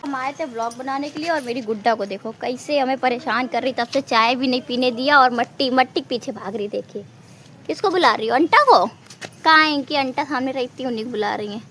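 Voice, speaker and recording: A woman's voice: a little high, fairly quick, fairly bright tone. A woman, a mother, chatting directly to viewers in a casual home vlog. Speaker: vlogger, mother. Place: home rooftop and house. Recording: clear background noise.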